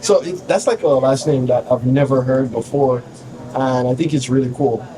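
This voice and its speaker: A man's voice: medium pitch, normal speed, noisy background. A man hosting a casual podcast interview, asking curious, upbeat questions. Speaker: podcast host. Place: café. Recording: crowd chatter behind. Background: café crowd chatter.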